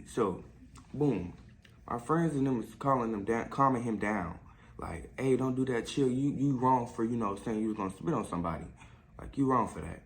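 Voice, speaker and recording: A teenage boy vlogging a storytime monologue, casual and slangy, acting out punches with sound effects. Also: on the low side. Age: teens. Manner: slangy, casual street speech.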